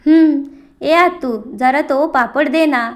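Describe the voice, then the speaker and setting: A woman voicing a bubbly, excitable young woman who loves parties. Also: sits high, slow pace. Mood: excited. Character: excited young woman, lively party-lover.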